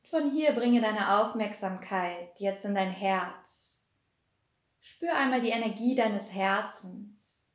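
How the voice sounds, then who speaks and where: Slow, soothing woman guiding a meditation. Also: medium pitch, echoey room. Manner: slow, soothing, repetitive counting down. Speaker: meditation guide. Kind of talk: guided hypnosis meditation.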